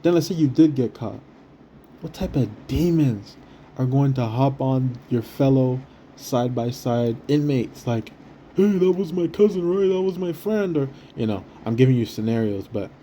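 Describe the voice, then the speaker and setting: A man with a deep, warm, very dark voice delivers a casual sermon quietly from a hotel room. He rambles, swears freely and stumbles over restarts as he goes. A faint background hum stays under him. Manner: rambling, profane, stammering restarts; deliberately speaking quietly. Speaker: street preacher. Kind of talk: casual preaching monologue.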